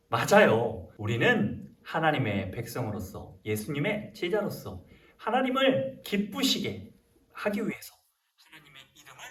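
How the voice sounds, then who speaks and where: A young man, a junior pastor, leading a lively sermon for kindergarten children, coaxing and animated. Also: sits high. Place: church room. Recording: roomy and distant.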